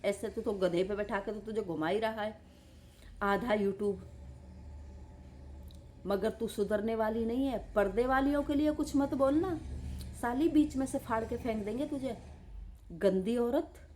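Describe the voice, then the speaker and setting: A woman's voice: on the high side, a little slow, long pauses, mellow, a little hiss or hum. A woman live streaming from bed, scolding and insulting someone in an angry roast rant. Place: lying in bed.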